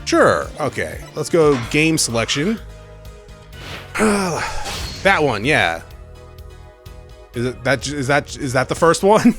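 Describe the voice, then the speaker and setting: A man's voice: a little high, big pitch swings, slow pace, long pauses, a bit bright, soft background music. A man hosting a let's play with casual, rambling commentary, often questioning himself. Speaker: let's player and host.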